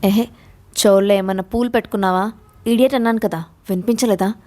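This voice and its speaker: A woman voicing a young woman heroine, anxious and quick to anger. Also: mid-range voice, steady tone, close to an everyday voice. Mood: angry. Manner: anxious then sharp.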